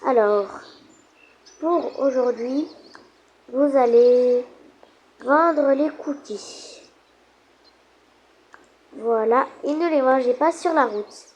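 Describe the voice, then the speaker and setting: A woman voicing a kindly female orphanage director who gives slow, gently bossy instructions in a children's role-play game. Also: sits high, breathy edge, heavily acted. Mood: instructing.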